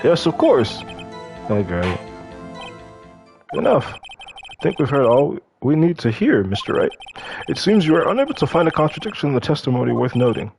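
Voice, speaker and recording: A man's voice: medium pitch, big pitch swings, moderate pace, vocal fry, long pauses, darkish tone, faint music behind. A man voicing a meek, flustered elderly judge who speaks formally and apologetically.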